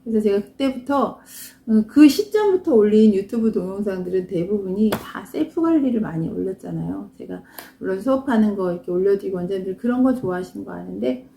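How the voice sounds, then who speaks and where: A woman in her fifties gives a candid, anecdote-filled lecture to salon owners and pokes fun at herself as she goes. Her voice is dark and gravelly. The room behind her is echoey. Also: medium pitch, animated, fairly quick, few pauses, a little hiss or hum. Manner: chatty, anecdotal, frank and self-mocking. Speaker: esthetics instructor.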